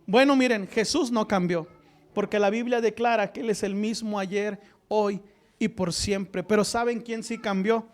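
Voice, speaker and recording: A man preaching a sermon, firing rhetorical questions and swinging between loud emphasis and hushed lines. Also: high voice, fairly even intonation, unhurried.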